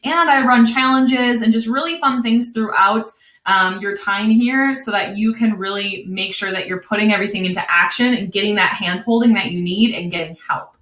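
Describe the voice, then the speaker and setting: A woman with a Wisconsin accent hosting a live webinar, pitching an online course in an upbeat, chatty way with frequent laughs. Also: normal speed, a bit bright, reverberant.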